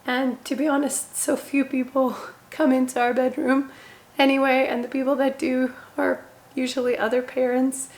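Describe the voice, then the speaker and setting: A young woman with a slightly hoarse voice, talking casually and relaxed from her bedroom, with plenty of "like" fillers. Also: high voice, normal speed. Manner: chatty, relaxed, with frequent "like" fillers. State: voice somewhat hoarse. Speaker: parenting vlogger. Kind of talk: casual home tour talk. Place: her bedroom, seated indoors.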